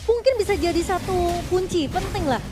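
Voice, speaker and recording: Very high-pitched Indonesian woman esports commentator. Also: animated, brisk. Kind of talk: live match analysis. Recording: loud music behind. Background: loud music.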